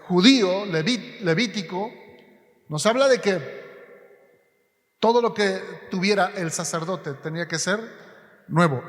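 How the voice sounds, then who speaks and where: High-voiced pastor preaching in a hall. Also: male voice, fairly bright tone. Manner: earnest, teaching, with many restarts and drawn-out words. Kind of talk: sermon. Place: church hall. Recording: long reverb of a hall.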